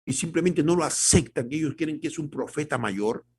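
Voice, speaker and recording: A male pastor preaching a devotional sermon. He calls his listeners brothers, repeats phrases for emphasis and moves between loud exhortation and quiet, low remarks. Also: expressive, moderate pace, slightly rough. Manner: swings from loud exhortation to soft, low delivery.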